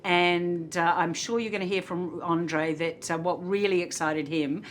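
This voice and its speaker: A middle-aged woman with a New Zealand accent, a hotel executive chatting in an interview, laughing often and filling pauses with many uhs. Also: fairly low pitch, steady tone, slight background noise. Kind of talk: casual interview chat.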